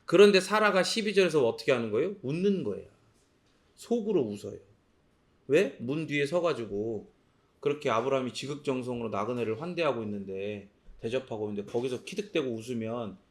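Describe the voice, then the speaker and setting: A man's voice: medium pitch, expressive, brisk. A male pastor preaching a sermon, asking rhetorical questions and answering them himself. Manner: acts out quoted lines in a sharp voice.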